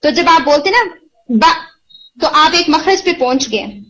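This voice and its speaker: A woman teaches Arabic pronunciation in an online lesson that mixes Hindi-Urdu with English, patiently explaining and demonstrating the sounds. Her voice sits high, expressive and sharp, unhurried, though the audio is dull, muffled and lo-fi.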